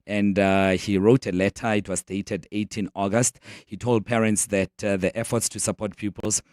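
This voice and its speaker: A South African man with a croaky, hoarse frog voice, chatting casually and haltingly as a radio talk show host. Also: on the low side, level tone, a little mellow, no room sound, studio quality. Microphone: close studio broadcast microphone.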